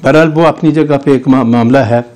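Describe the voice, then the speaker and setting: The guest is an older male lawyer with a Pakistani Urdu accent, making legal arguments during a studio news interview. He speaks at a moderate pace in a mid-range, slightly mellow voice. He is argumentative and legalistic and sometimes starts over.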